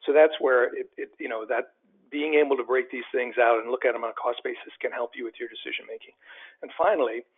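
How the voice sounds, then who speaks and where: Husky guy co-hosting a webinar, explains slowly, phone-line audio. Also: medium pitch. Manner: measured, explanatory, repeats words. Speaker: webinar co-presenter. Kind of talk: conversational webinar presentation.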